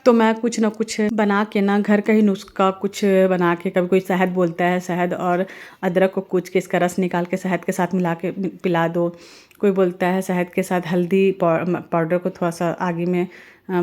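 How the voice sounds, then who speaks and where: A middle-aged woman from India talking casually as she cooks, rambling through family news and heartfelt advice. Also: lowish voice. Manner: chatty, rambling, warm-hearted advice with religious phrases. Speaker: family vlogger and mother. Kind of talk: casual voice-over while cooking.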